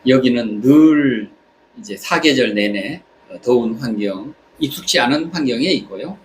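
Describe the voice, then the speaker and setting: A man from South Korea speaking a reflective personal monologue, haltingly, pausing between short phrases. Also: medium pitch, lively intonation. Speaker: vlogger. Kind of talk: reflective spoken monologue while travelling. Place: on holiday in Southeast Asia. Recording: clear background ambient noise.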